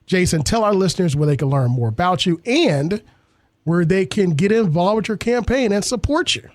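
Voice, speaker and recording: A man hosts a local radio talk show. He speaks earnestly in a slightly raised pitch. His voice is dry and close to the studio microphone. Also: expressive, moderate pace, no room sound. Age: 30s. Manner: earnest, civic-minded, repeats words while thinking. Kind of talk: radio interview and commentary.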